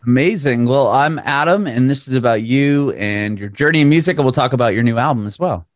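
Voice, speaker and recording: A man hosting a music podcast, speaking in an energetic, upbeat way and chatting casually with a guest over a video call. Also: mid-range voice, a little fast, dry recording, clean studio sound. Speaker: podcast host. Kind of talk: casual interview chat. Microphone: remote video call.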